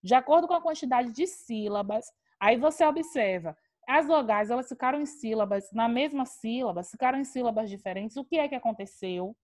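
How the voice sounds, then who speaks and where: A woman's voice: on the high side, animated, fairly quick, few pauses, a little mellow. A woman teacher with a Brazilian accent, patiently explaining grammar in an online class and repeating key terms.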